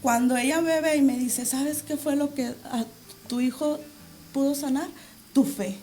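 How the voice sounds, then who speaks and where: A woman's voice: high voice, steady tone, a little slow, dark tone, slight background noise. A middle-aged woman sharing a religious testimony as an interview guest, fervently reenacting her prayers aloud.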